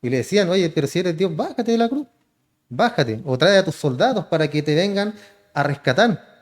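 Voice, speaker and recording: A man's voice: fairly high pitch, very animated, moderate pace. A man, a pastor preaching a sermon, often calling listeners "hermano" and answering his own questions. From Chile. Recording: church hall reverb.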